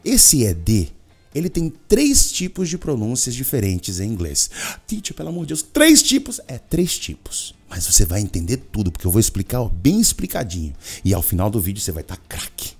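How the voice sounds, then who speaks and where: A Brazilian man teaching English in an energetic video lesson, with a Brazilian Portuguese accent, repeating words over and over as drills. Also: on the low side, moderate pace, slightly rough, faint music behind.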